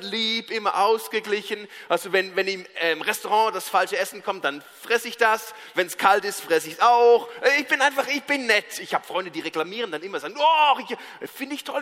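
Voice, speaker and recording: A man with a Swiss German accent preaching a sermon, telling humorous personal stories in a lively, animated, self-mocking way. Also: high-pitched, big-room sound. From Switzerland.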